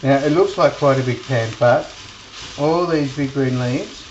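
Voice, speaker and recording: Low-voiced woman chatting while cooking. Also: measured pace, lo-fi sound. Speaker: cooking vlogger. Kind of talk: casual cooking demonstration. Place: home kitchen with sizzling pan. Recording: echoey kitchen with loud frying noise.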